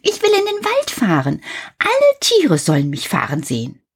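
A woman voicing a greedy little boy who keeps shouting for more, with a shrill, insistent voice. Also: wildly swooping pitch, moderate pace, husky, exaggerated voice. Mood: demanding.

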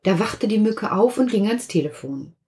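A woman reading a children's story aloud, expressive and playful, with sound effects. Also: mid-range voice, normal speed.

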